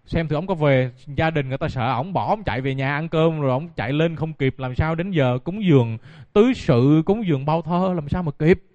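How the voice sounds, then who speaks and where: A man's voice: fairly high pitch, brisk, darkish tone, dry recording. A man, a Buddhist monk giving a dharma talk and telling stories directly to his listeners. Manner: storytelling, addresses audience directly. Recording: dull dry lo-fi recording.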